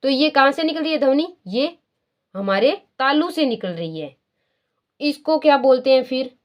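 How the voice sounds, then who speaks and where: A woman teaching a grammar lesson. She asks her own questions, answers them, repeats the key terms and draws out sounds slowly to show how they are pronounced. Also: high voice, expressive, lo-fi sound.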